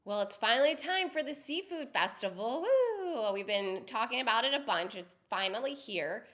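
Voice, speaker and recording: A woman co-hosting a podcast has a head cold as she chats casually and warmly through a list of local events. Her voice is a little high, a bit bright, and expressive, moving at a normal pace while she lays out events and details conversationally.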